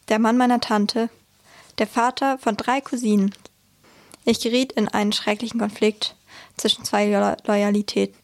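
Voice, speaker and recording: A woman reading a first-person memoir aloud in a measured, earnest way. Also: medium pitch, gravelly, darkish tone. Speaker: reader.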